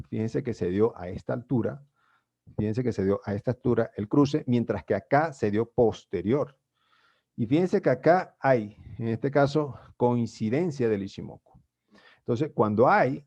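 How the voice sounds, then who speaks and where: A man's voice: medium pitch, creaky, dark tone, slightly rough, highs cut off. A man explaining chart trading in a screen-share tutorial, talking formally to viewers with many fillers and restarts. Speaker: trading instructor.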